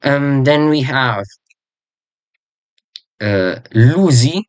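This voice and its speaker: Slow, rambling casual language teacher. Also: mid-range voice, animated, no room sound, muffled recording. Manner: rambling, searches for words and corrects itself; spells out and repeats words slowly.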